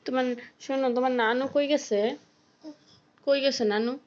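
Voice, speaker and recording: A woman's voice: sits high, steady tone, normal speed, lo-fi sound. A young woman, talking playfully with her toddler at home and coaxing the child with sing-song questions. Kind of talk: casual home video chat with a small child.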